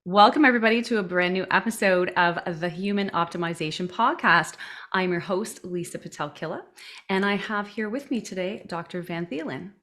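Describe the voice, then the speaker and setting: A woman's voice: fairly low pitch, fairly quick, a bit bright. Enthusiastic woman hosting a podcast. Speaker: podcast host.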